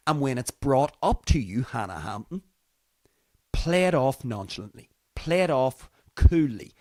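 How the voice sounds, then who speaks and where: A man's voice: medium pitch, lively intonation, measured pace, mellow, no room sound. A man with a Northern Irish accent hosting a livestream talk show in a casual monologue, theatrical and repeating phrases for emphasis. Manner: theatrical, emphatic repetition for effect. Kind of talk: casual monologue to live stream audience.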